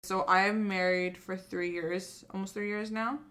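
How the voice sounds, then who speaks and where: Brief: young woman podcast co-host, relaxed chatty delivery, peppered with "like". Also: measured pace. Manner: chatty, many filler "like"s; acts out quoted relatives in a higher voice. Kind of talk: casual chat.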